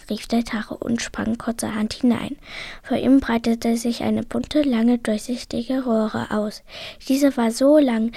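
A woman reading a children's bedtime story aloud, softly and partly in a whisper. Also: a little high, gravelly, dry recording.

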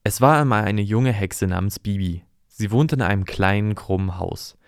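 Low-voiced man telling a fairy tale. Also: moderate pace, no room sound, studio quality. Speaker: storyteller. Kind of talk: reading a fairy tale aloud.

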